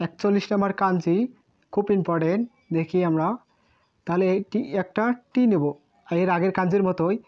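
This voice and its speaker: A woman's voice: lowish voice, fairly even intonation, moderate pace. Patient woman teaching kanji. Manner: patient and repetitive, drills each word several times. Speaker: Japanese language teacher. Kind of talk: kanji lesson explained in Bengali. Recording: muffled lo-fi sound.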